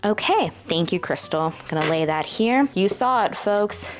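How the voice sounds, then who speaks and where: A woman's voice: mid-range voice, animated, measured pace. A woman book vlogger in casual chat, talking directly to her viewers and to her crystal pendulum as she asks it questions.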